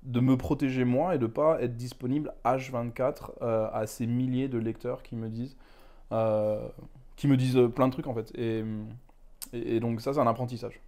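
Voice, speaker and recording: A man's voice: medium pitch, fairly even intonation, moderate pace, mellow. A young man from Ghana, a manga author, talking candidly and reflectively in an interview, rambling with frequent filler asides. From Ghana, West Africa.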